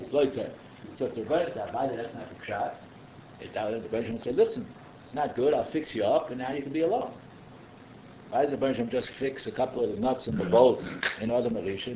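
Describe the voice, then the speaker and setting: A man with giving an informal religious class, asking rhetorical questions and slipping in conversational asides. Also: medium pitch. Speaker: rabbi giving a Torah class. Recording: echoey, muffled room recording with noise.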